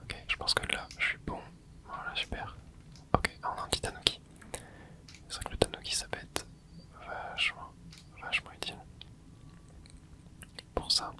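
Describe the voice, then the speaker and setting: Whispering into a close mic, an ASMR gaming host keeps up a running commentary as they play, murmuring soft reactions. The pace is moderate, with long pauses.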